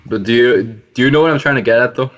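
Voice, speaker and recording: A man's voice: mid-range voice, fast talker, a bit bright, lo-fi sound. A young man, a university student, hosting a casual podcast chat and teasing his friends with jokes. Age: young adult. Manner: teasing, joking banter. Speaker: podcast host.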